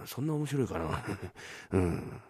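A man voicing a blunt, warm-hearted common townsman who speaks coarse old Tokyo downtown street talk in a rakugo storytelling. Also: low-pitched, big pitch swings, measured pace, dry recording, clean studio sound, pitched below the performer's own voice, exaggerated voice. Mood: jolly. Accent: old Tokyo downtown speech.

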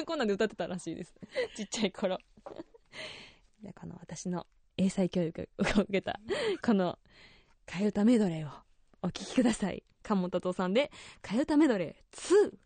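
A young woman with a Kansai accent hosts a radio show in a lively, chatty way and laughs often. Her voice sits at a middle pitch. It is recorded dry and close on a studio microphone. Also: moderate pace, slightly rough, no echo. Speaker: radio host.

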